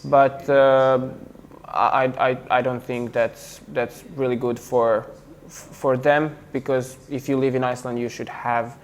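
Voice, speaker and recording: A young man from Serbia with a Serbian accent, talking in an interview, pausing often with fillers and restarts. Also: mid-range voice, flat delivery, slight background noise. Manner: hesitant, many fillers and restarts. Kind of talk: casual interview talk.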